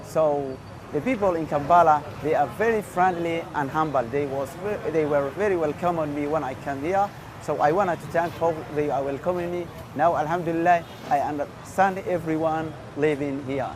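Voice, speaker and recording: A man's voice: on the high side, normal speed. A man from Somalia, interviewed outdoors and speaking hesitant English with fillers. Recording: street noise and passing vehicles.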